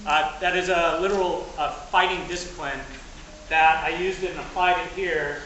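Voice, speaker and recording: A high-pitched man leads a live demonstration as a fight director, explaining moves to onlookers while he stays on the move. He is recorded from a distance in a strongly echoing space, with clear noise around him. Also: fairly even intonation, moderate pace, sharp tone. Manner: instructional, talking to audience and partner; physically active while talking. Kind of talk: live stage combat demonstration. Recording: echoey, noisy space, distant mic.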